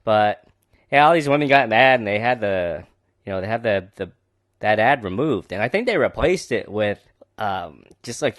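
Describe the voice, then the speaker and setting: A man's voice: mid-range voice, no echo, studio quality. A man hosting a book podcast, giving casual, sarcastic commentary that rambles and is full of fillers.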